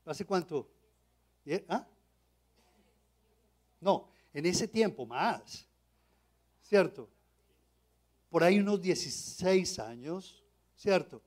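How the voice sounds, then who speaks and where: High-pitched and a little mellow, the pastor speaks slowly yet animatedly, pausing often as he relates his personal testimony in a sermon. He repeatedly asks the congregation rhetorical questions, seeking their agreement.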